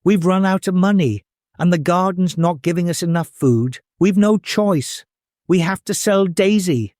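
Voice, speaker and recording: A man voicing a poor, anxious mother who is quick to scold, in a children's storybook. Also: mid-range voice, animated, mellow, dry recording, clean studio sound, lightly acted. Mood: worried.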